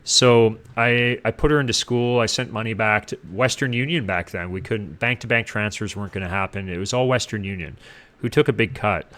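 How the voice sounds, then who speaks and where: A middle-aged man from Canada, a guest casually telling his life story in an animated way, acting out what others said. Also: on the low side, brisk. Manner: animated, acts out what people said.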